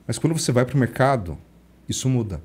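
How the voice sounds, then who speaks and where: Fast-talking husky Brazilian man. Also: medium pitch. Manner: quick, lively explainer who acts out dialogue. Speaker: leadership coach, guest. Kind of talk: casual interview chat.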